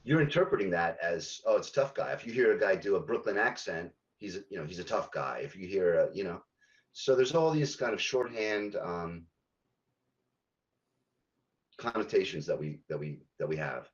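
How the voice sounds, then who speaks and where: Man, very low voice, hesitant, lots of ums, dull lo-fi audio. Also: lively intonation. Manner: halting, many ums and restarts. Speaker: game localization director. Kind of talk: podcast interview answers.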